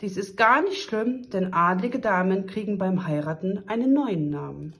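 Eine Frau spielt einen aufgeblasenen alten König. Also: female voice, medium pitch, animated, moderate pace, fairly bright tone. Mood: pompous. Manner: pompous, lecturing. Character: pompous old male king, fatherly and blustering.

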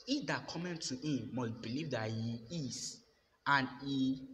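Young man preaching slowly into a phone. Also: mid-range voice, fairly bright tone. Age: young adult. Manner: emphatic, repetitive declarations, slow deliberate delivery. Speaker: pastor. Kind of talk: preaching sermon to camera. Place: bare indoor room with plain walls. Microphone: phone held at arm's length. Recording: phone recording with long reverb and faint room noise.

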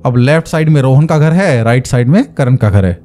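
Mellow man telling a horror story. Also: mid-range voice, lively intonation, a little fast. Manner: conversational, explains terms with asides. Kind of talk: casual spoken storytelling.

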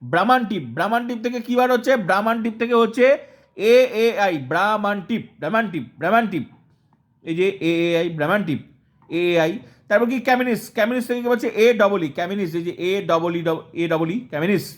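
A man's voice: high voice, quick pace. A male teacher giving an exam-prep lesson, asking questions and answering them himself, repeating terms over and over to drill them.

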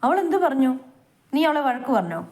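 A woman's voice: high-pitched, sing-song, a little fast, a little mellow, voice pushed up. A woman voicing a confident young husband who reassures and asks worried questions. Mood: concerned. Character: confident young husband and protective brother-in-law.

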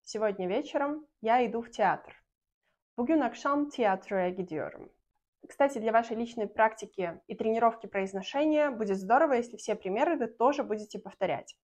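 Speaking to camera from a small room, this young woman from Belarus gives a language lesson in a slightly high, animated and somewhat mellow voice. She is clear and patient, slowing her pace whenever she demonstrates example sentences.

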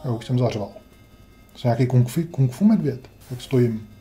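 Male let's-player, deep mellow tone, dry grumbling self-talk, light music underneath. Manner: wry, grumbling, talks to himself while playing. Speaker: gameplay commentator. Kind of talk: casual let's-play commentary.

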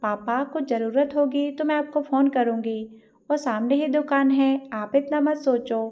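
A woman's voice: sits high, steady tone, normal speed, lightly acted. A woman voicing a determined young woman who speaks earnestly and pleads for help. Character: determined young woman, worried for her family. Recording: dull lo-fi recording.

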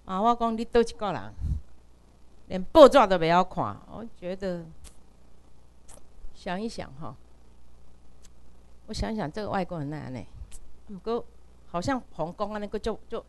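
A woman's voice: medium pitch, normal speed, long pauses. A woman lecturer with a Taiwanese accent, telling a story in a lecture, mixing in Hokkien phrases and acting out the dialogue. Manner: animated, mixes in Hokkien phrases, acts out quoted dialogue. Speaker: university lecturer.

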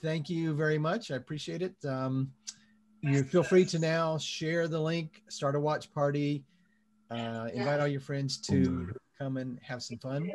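A man hosting a live online comedy show, speaking in a relaxed way with many fillers, over a video call. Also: fairly high pitch, a little slow. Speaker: host.

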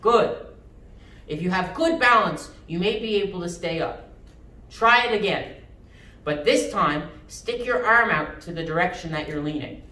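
A young man teaching a children's karate class, giving sharp, clipped martial arts commands. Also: sits high, measured pace. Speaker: karate instructor. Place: mid-sized indoor karate studio with matted floor. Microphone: distant camera. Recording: roomy, distant microphone, background noise.

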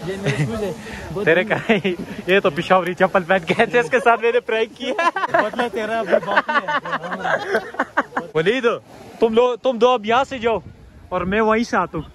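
A young man from Pakistan filming a casual travel vlog on a phone held at arm's length, chatting excitably outdoors on a trail and by a waterfall. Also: sits high, a little slow, crowd noise. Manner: chatty, excitable, often laughing. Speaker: vlogger.

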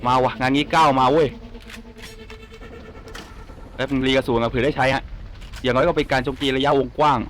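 A man giving casual Let's Play commentary on a shooter, exclaiming and repeating words in quick bursts. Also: mid-range voice, fairly even intonation, fairly bright tone, slight background noise. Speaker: gaming YouTuber.

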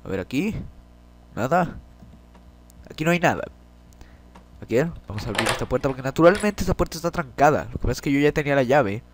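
Un hombre resfriado y congestionado, con acento mexicano, comenta una partida de videojuego; maldice y grita cuando se asusta. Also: male voice, mid-range voice, slight background noise. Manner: jittery, swears, yelps when startled. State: has a cold, congested. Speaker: gameplay commentator. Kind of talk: let's play commentary. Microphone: desk microphone.

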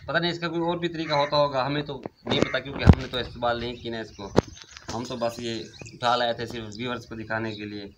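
A man's voice: medium pitch, steady tone, quick pace. A middle-aged man hosting a family vlog outdoors in a village courtyard, talking in a chatty, reflective way with many fillers, filmed by a camera a few meters away. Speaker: vlog host. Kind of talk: casual family vlog talk. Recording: outdoor recording with background noise.

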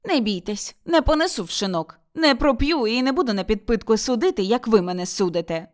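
A stubborn young village daughter-in-law from an audiobook, curt and defiant, as a woman narrator plays her. Her retorts come in a lively, fairly high voice. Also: fairly quick, close to an everyday voice. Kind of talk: audiobook character voice.

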